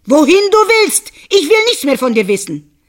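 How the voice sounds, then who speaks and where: A woman voicing a desperate, exasperated peasant husband in a storybook tale, loud and wailing. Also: high-pitched, expressive, measured pace, voice pushed up. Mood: angry.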